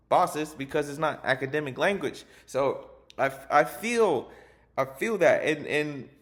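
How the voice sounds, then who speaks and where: A man speaks with passion and emphasis, giving a personal reflection from his life as a teacher. His voice sits a little high and has a gravelly, creaky texture.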